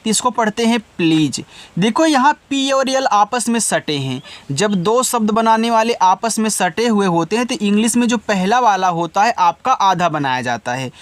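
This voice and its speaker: Man, high voice, English spelling teacher, slow spelled letters, patient explaining, asks and answers himself. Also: no room sound. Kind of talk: Hindi-language spelling lesson.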